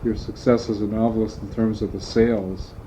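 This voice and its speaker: A man's voice: on the low side, little pitch movement, brisk, mellow. A man asking questions as an interviewer in a conversational interview. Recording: dull lo-fi tape, faint noise.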